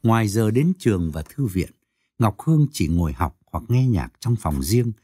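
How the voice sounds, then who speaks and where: Swooping, dark-voiced male storyteller. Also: normal speed, breathy edge, no echo, studio quality, soft background music. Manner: expressive storytelling with swooping pitch. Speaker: narrator. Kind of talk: audiobook story narration.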